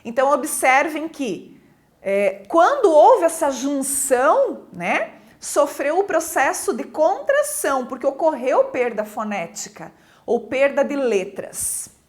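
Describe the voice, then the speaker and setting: Woman teacher, high and animated, unhurried, checks in with students a lot. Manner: explanatory, often checks in with "né?"; acts out interjections with varied intonation. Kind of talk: recorded grammar lesson.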